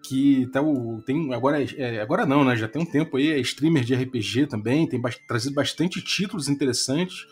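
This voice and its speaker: A man's voice: medium pitch, fairly quick, hardly any pauses, husky, soft background music. A man with a Brazilian Portuguese accent hosting a podcast in an informal, slangy, chatty way. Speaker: podcast host.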